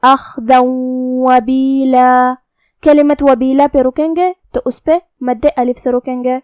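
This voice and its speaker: A woman's voice: high-pitched, fairly even intonation, mellow, smooth, no echo, studio quality. A woman teaching Quran recitation rules, explaining each rule step by step. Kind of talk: tajweed lesson with slow recitation.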